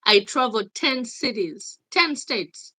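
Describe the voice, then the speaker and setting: A woman's voice: a little high, expressive, slow, bright, forceful tone, breathy edge, no echo. A Ugandan woman speaking as an interview guest, emphatic and insistent, repeating her points. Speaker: guest, activist. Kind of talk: interview, mixing English and Luganda.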